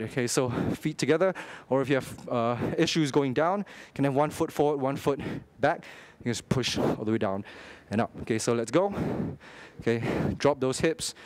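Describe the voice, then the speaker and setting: A young man instructing a workout, energetic, talking in short clipped cues and counts with frequent okays while exercising. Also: medium pitch, no room sound. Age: young adult. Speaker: fitness instructor.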